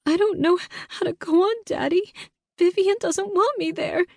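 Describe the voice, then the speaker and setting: A woman's voice: extremely high pitch, normal speed, vocal fry, a little mellow, dry recording, voice pushed up. A woman voicing a scared thirteen-year-old girl who is crying and pleading in a whispery voice, for an audiobook. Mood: tearful pleading.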